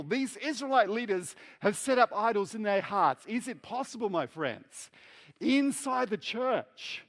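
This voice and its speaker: High-voiced pastor preaching with emphatic swings. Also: male voice, a bit bright. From New Zealand. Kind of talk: sermon.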